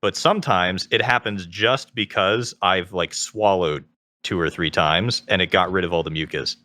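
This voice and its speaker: In a conversational interview, a man who is a self-taught singer answers as the guest, his very low voice carrying vocal fry and a bright, forceful tone. His measured explanations come with qualifications, recorded close and dry without any room sound.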